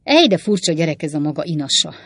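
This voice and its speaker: A woman voicing a genial, polite elderly gentleman who is easily startled, fussy and courteous. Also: very animated, dry recording, clean studio sound, exaggerated voice. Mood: uneasy. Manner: fussy and courteous, rising to high exclamations. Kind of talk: audiobook character voice.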